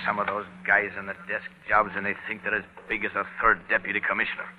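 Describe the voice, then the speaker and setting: An actor playing a genial, chatty beat cop in a 1930s-style radio drama, with an Irish accent and a folksy way of talking. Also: male voice, on the low side, completely flat delivery, fast, a little hiss or hum, natural voice. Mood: grumbling. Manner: folksy, talkative. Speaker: beat policeman. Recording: dull old radio recording.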